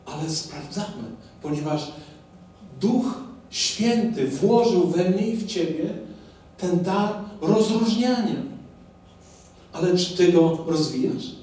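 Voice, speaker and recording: Guy preaching a sermon, high voice, slow and mellow, recorded from far off in a big echoey hall. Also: animated. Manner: asks the congregation rhetorical questions. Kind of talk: sermon with call-and-response. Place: church hall.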